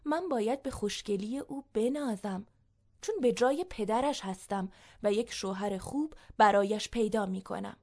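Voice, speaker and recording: A woman voicing an old, weary, fatherly man who quietly muses to himself in a storybook reading. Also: mid-range voice, lightly acted. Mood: musing.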